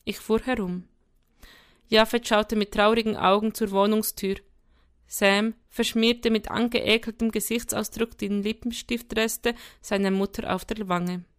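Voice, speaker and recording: A woman reading a first-person story aloud in a lively, expressive way. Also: mid-range voice, unhurried, clear, resonant tone. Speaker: audiobook reader. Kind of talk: first-person scripted narration.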